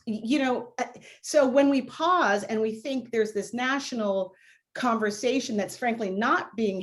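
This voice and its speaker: Candid woman dean musing on a panel. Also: mid-range voice. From Jamaica, raised in Canada. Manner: reflective, candid, many "you know" fillers. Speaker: law school dean, panelist. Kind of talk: panel discussion answer.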